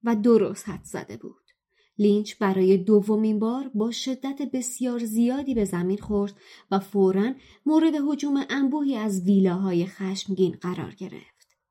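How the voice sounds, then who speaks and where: A woman narrating a novel excerpt in a steady, measured storytelling voice. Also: medium pitch. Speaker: guest reader.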